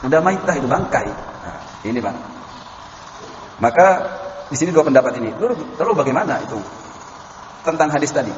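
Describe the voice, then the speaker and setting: A man's voice: on the high side, sing-song, a little fast, long pauses. Man preaching in an echoey hall. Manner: recites Arabic verses, addresses listeners as sir and madam, tells anecdotes. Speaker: Islamic preacher lecturing a class. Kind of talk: religious lecture on halal food. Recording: echoey hall, muffled, faint background noise.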